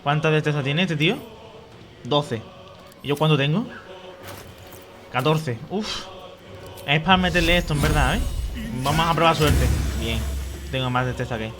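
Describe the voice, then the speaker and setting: A man's voice: fairly high pitch, normal speed, long pauses, a bit bright. Swearing man streaming gameplay over music. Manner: swears and mutters at the game. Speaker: gaming streamer. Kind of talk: live gameplay commentary. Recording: game music behind the voice.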